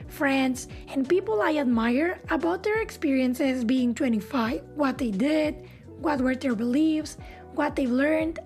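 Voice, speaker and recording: A woman's voice: sits high, a little mellow. A woman in her twenties hosting an interview podcast, introducing the show and asking friendly questions. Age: 20s. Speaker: podcast host.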